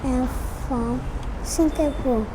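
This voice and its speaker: A woman answering simple questions in beginner English, halting and repeating each sentence pattern. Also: high voice, steady tone. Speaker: English student. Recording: background noise.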